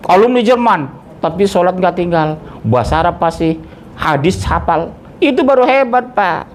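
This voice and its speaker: A man's voice: high voice, a little slow, pauses often, slight background noise. A middle-aged man, a preacher, leading an interactive religious study and quizzing his listeners. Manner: questions the audience, lively, jokes. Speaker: ustadz, preacher.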